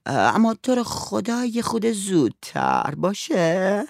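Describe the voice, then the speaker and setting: A man's voice: high voice, wildly swooping pitch, gravelly, no echo, clean studio sound, voice pushed up, full character voice. A man doing a pushy, coaxing young woman. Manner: teasing, insistent.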